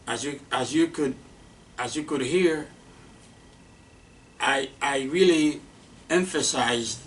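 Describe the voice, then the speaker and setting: A man giving an unscripted lecture on flight history, halting and repeating himself with many fillers. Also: medium pitch. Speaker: aviation instructor. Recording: distant mic with faint noise.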